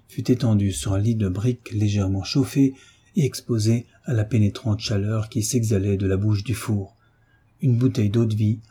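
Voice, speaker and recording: Brief: male audiobook narrator, measured storytelling, very mellow dark tone, a touch husky. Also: lowish voice.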